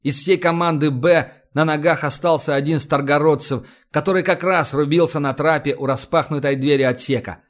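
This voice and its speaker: A man narrating an audiobook in a steady, measured reading. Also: a little high. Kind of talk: scripted narration.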